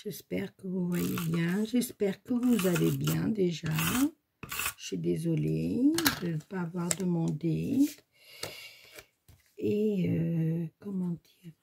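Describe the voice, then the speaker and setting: Her voice is on the low side, slow and creaky, with background noise behind it: a woman of 40s to 60s with a granddaughter and a slight cold, hosting a casual paper craft tutorial at home. She walks through each step chattily, thinking aloud and sprinkling in "hop" and "voilà".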